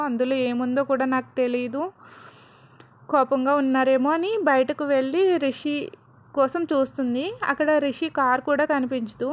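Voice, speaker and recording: A woman casually retelling a story in a chatty, explanatory way. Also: sits high.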